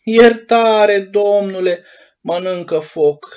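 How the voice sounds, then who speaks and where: A man doing a high pleading wooden puppet boy. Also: lively intonation, lo-fi sound, close to an everyday voice. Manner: pleading, earnest, raised voice.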